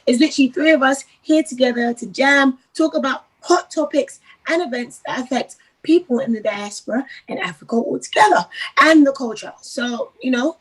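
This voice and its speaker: A woman from the UK co-hosting a podcast in casual chat, teasing and animated. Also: high-pitched, normal speed, husky, low-quality recording. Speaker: podcast co-host.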